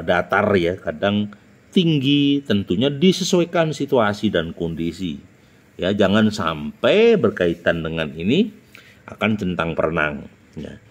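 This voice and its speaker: A man teaching public speaking, stressing each numbered point and asking rhetorical questions. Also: a little mellow. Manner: emphatic, jumps up in pitch to announce each numbered point; rhetorical questions, frequent "nah" and "ya". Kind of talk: instructional talk.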